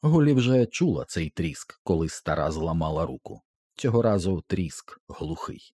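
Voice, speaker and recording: A man narrating an audiobook with a tense, expressive dramatic reading. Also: low voice, moderate pace, breathy edge, dry recording, studio quality.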